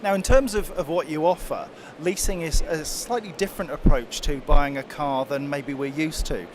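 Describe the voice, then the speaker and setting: A man interviewing a guest at an event, asking brisk, jokey questions. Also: a little high, a crowd in the background. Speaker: interviewer, host.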